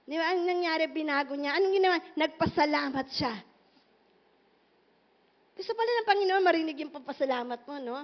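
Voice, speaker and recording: A woman pastor preaching a sermon in an animated, emphatic way, full of rhetorical questions, in a muffled recording. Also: sits high, brisk, pauses often.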